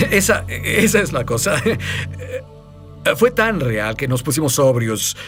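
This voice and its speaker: A man's voice: mid-range voice, slow pace, faint music behind. A man telling a testimony as the guest in a dubbed interview, acting out quoted lines and laughing as he goes. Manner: animated storyteller who acts out quoted lines; laughs often while telling stories.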